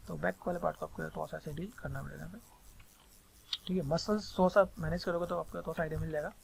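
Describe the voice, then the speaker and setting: A man with a Hindi accent giving a rambling, repetitive screen-recorded software tutorial on 3D sculpting. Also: fairly high pitch, steady tone, quick pace, vocal fry, slight background noise. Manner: rambling, repeats filler phrases constantly.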